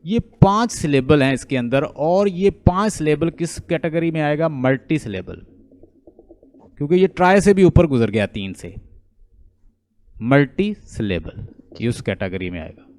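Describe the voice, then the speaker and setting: Pakistani guy teaching english online, mellow low tone, keeps quizzing students. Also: lively intonation, normal speed. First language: Urdu. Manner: explanatory, asks students questions and repeats words. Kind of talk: online lecture mixing Urdu and English. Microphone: online class call.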